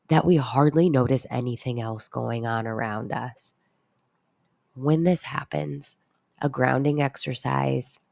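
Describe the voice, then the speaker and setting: A woman counselor leading a calm grounding exercise in a deliberate, instructive way with casual asides. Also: low voice, creaky, no room sound. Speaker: mental health counselor guiding an exercise.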